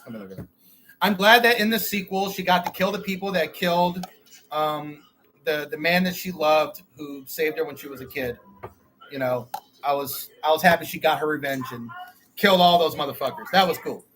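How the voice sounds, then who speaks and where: A man co-hosting a casual chat podcast, giving blunt, profane opinions with animated energy. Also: on the high side, a little fast, rough recording. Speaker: podcast co-host.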